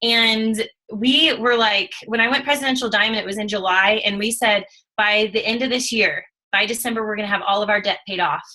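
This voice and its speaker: A woman in her thirties telling her own story in a casual, animated way, acting out what she and others said. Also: medium pitch, fairly quick, poor audio. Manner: animated, emotional storytelling with quoted asides. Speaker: network marketing distributor. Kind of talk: casual testimonial chat.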